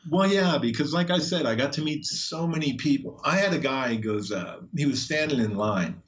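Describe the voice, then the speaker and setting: A man's voice: fairly high pitch, animated, normal speed. Texan man, middle-aged, blunt and sarcastic storyteller, easygoing, slightly muffled lo-fi audio. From Texas. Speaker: guest. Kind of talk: casual storytelling chat.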